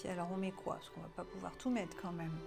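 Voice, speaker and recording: A woman's voice: fairly low pitch, fairly even intonation, creaky. A woman leading a self-help exercise, thinking aloud as she writes and often dropping to a murmur or whisper. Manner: slow, musing, often drops to a murmur or whisper while writing. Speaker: self-help workshop guide. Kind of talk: guided exercise, thinking aloud while writing. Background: classical music playing.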